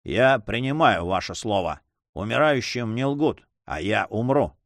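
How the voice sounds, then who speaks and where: A man's voice: lowish voice, animated, unhurried, fairly bright tone, no room sound, studio quality. A man voicing a dying old male governor who speaks in a grim, labored way. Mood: solemn.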